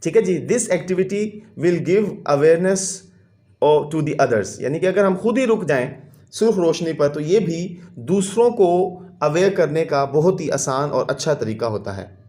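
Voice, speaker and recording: A male teacher with a fairly high voice walks children through a textbook lesson. He reads the English line by line at a slow pace, then explains it plainly. He keeps talking straight to the children as he works through it. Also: animated, warm tone. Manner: keeps addressing the children as he goes.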